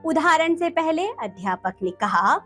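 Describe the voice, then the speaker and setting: A young woman teaches a textbook lesson to children, calling out to them as she goes and stressing each example she reads. Her voice sits high and swings widely in pitch. Soft music plays faintly underneath. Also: big pitch swings, measured pace. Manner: addresses children warmly, reads examples aloud with emphasis.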